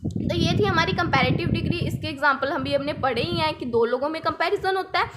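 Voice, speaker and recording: A woman's voice: high voice, brisk, heavy background noise. A young woman teaching English grammar in Hindi, patiently repeating points and asking the viewer rhetorical questions. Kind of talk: explaining grammar lesson in Hindi with English examples.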